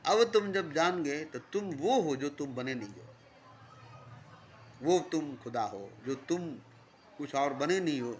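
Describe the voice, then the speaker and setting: A man's voice: on the high side, fairly bright tone, slight background noise. A man delivering a spiritual sermon in repetitive, rhythmic phrases that rise and fall in emphasis. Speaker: spiritual teacher.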